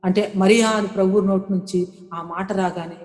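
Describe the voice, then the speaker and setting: A woman's voice: medium pitch, fairly even intonation, normal speed, darkish tone. A woman preaching a sermon in an earnest way, repeating key phrases and slipping English words into her talk. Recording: echoey hall with long reverb.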